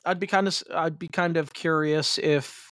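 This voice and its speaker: A man with a notably high voice talks wrestling on a podcast in a loose, rambling way. He circles back with fillers and restarts his sentences often. The sound is dry and close, with no room around it. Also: steady tone, moderate pace, fairly bright tone, no room sound. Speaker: podcast co-host. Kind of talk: casual wrestling chat.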